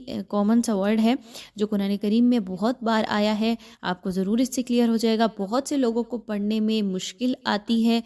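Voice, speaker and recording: Woman teacher walking through recitation rules slowly and patiently, drops in english words here and there. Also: medium pitch, dark tone. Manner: patient, step-by-step explaining. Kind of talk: recorded online class.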